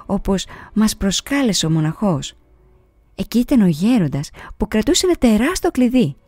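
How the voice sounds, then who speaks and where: A woman reading a children's story aloud, with an expressive storytelling delivery. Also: a little high, no room sound. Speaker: audiobook reader. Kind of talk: storybook narration.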